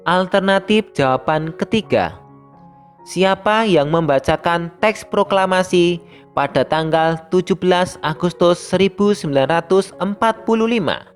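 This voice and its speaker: Brief: steady, even-toned teacher voice reading a primary school lesson aloud, faint music underneath. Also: mid-range voice, a little slow. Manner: reads steadily, addressing pupils as younger siblings. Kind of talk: scripted lesson narration.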